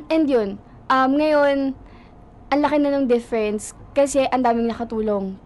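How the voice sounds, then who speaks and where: A woman's voice: high voice, steady tone, unhurried, a little mellow. A young woman with a Filipino accent, a radio talk show guest recounting events in casual, mixed Tagalog and English. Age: young adult.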